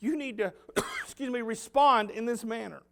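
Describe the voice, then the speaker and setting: A middle-aged man with a Southern US accent preaching a sermon as pastor, swinging from loud emphasis to quiet low asides. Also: moderate pace, gravelly. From United States. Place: church sanctuary.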